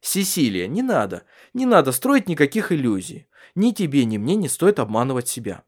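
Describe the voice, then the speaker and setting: A man's voice: medium pitch, sing-song, normal speed. A man voicing a wry, stubborn bedridden husband in an audiobook, talking dryly and curtly. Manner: dry, curt, teasing. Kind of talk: audiobook character reading.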